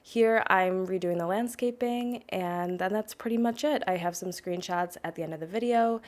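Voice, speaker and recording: A woman host speaking quietly with vocal fry, giving relaxed, chatty voice-over commentary on a game build. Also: medium pitch, moderate pace. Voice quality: soft-spoken with vocal fry. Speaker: Sims building channel host.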